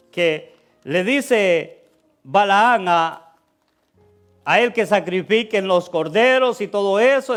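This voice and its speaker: A male pastor preaching a sermon, calling his listeners "brother" and acting out the characters' words in dialogue. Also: sits high. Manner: preaching, addresses listeners as "hermano"; acts out quoted characters in dialogue.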